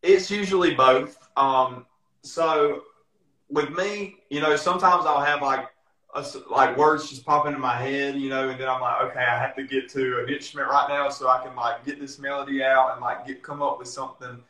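A man's voice: mid-range voice, steady tone, normal speed, pushed and bright, echoey room, rough recording. A male singer from North Carolina, a guest on a podcast, talking eagerly with lots of fillers. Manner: eager, filler-heavy, friendly. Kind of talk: casual interview chat.

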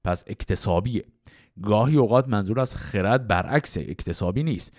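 A man hosting a podcast, explaining classical poetry in a clear teacherly way and reciting verse in a measured tone. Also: on the low side, lively intonation, a little mellow, no room sound, clean studio sound. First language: Persian.

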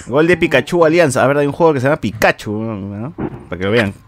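A man hosts a casual podcast chat, slangy and teasing. His voice rises and falls a lot as he talks. He sounds at a middle pitch. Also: lively intonation, fast, slight background noise. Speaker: podcast host reading chat.

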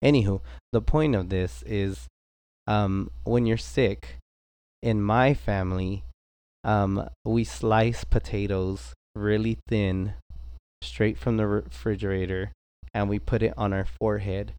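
A man's voice: lowish voice, fairly even intonation, takes it slowly, a little mellow, clean tone, no echo. A man co-hosting a casual podcast chat with a congested, stuffy-nosed voice from allergies, rambling informally. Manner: rambling, informal, slips into Spanish. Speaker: podcast co-host.

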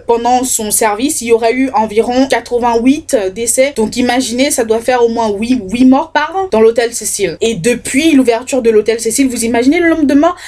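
A woman's voice: medium pitch, darkish tone. A woman hosting a true-crime podcast, talking casually and hesitantly, with lots of fillers and restarts. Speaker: podcast host.

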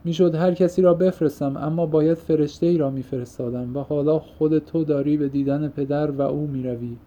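A man's voice: a little high, steady tone, warm tone, natural voice. A man reading an audiobook, voicing an impassioned young man who pours out his heart in fervent, poetic outbursts. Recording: muffled lo-fi recording.

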